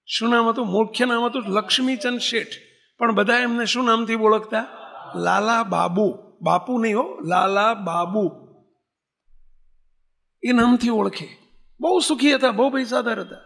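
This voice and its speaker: A man's voice: very high-pitched, fairly even intonation, brisk, fairly bright tone. A man telling a sacred story in a devotional discourse, acting out the characters and putting questions to his listeners. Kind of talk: Gujarati devotional katha discourse.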